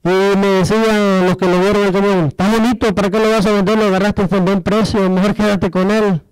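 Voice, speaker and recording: A man's voice: high-pitched, level tone, a little fast, smooth, no room sound, faint music behind, poor audio. A man telling his testimony in a church service, acting out the dialogue as he goes and asking the congregation rhetorical questions. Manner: storytelling, acts out dialogue, asks the audience rhetorical questions. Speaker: church member giving a testimony.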